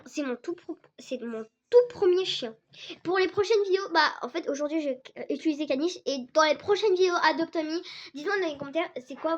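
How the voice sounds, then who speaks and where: A young woman with a sore, hoarse throat, rambling excitedly in casual game commentary for her channel. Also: high-pitched. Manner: rambling, excitable, many restarts and fillers. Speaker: gaming channel host. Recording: dull lo-fi recording.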